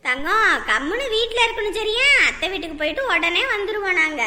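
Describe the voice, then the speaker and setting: A woman's voice: very high voice, expressive, a little fast, pushed and bright, in a large hall, exaggerated voice. A woman playing a caring, forgiving middle-aged mother-in-law, in a family drama. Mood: fond. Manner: fond, soothing, motherly.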